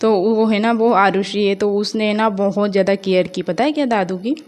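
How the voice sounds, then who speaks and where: A woman's voice: mid-range voice, normal speed, a little mellow. A young woman from India narrating her home vlog in a rambling, chatty way, full of fillers. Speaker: vlogger. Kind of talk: casual voice-over vlog narration.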